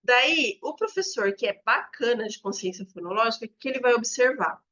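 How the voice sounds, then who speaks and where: A woman's voice: on the high side, animated, moderate pace, fairly bright tone, dull audio. A woman educator, explaining to teachers and demonstrating examples aloud.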